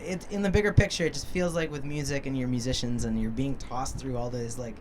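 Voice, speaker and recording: A man's voice: mid-range voice, steady tone, fairly quick, darkish tone, a little hiss or hum. A man from Ottawa, a band's singer, talking casually with fillers and jokes on a rooftop. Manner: rambling, joking, many fillers. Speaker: band singer and keyboardist. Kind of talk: casual interview. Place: outdoor rooftop.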